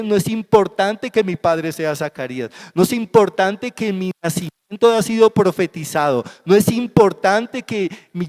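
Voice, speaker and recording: High-voiced Colombian preacher in a reverberant hall. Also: male voice, darkish tone. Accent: Colombian Spanish. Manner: emphatic, repetitive preaching. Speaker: pastor. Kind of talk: sermon. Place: church sanctuary. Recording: long church hall reverb.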